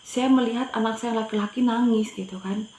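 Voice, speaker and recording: A woman's voice: on the high side, steady tone, brisk, a little mellow, reverberant, slight background noise, poor audio. A middle-aged woman from Madura, a pastor, telling her personal faith testimony earnestly and often addressing her listeners directly. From Madura, Indonesia.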